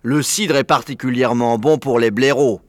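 A man's voice: medium pitch, moderate pace, dry recording, studio quality, lightly acted. A man voicing a jovial old badger who exclaims heartily in a storybook reading. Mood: hearty, delighted.

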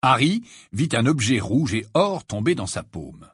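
A man narrating an audiobook with animated, dramatic storytelling, on a close studio mic. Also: mid-range voice, unhurried, slightly rough, dry recording. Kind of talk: expressive audiobook reading.

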